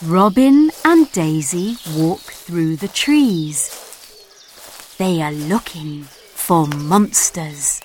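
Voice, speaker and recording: A woman reading a children's story aloud, slowly, clearly and gently. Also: on the low side, animated, slight background noise.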